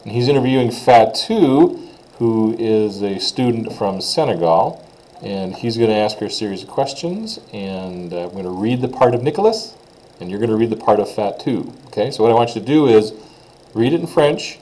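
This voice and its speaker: A man's voice: on the low side, expressive, moderate pace, dark tone, slight background noise, poor audio. A man teaching a casual recorded French lesson, talking informally with frequent "uh" fillers.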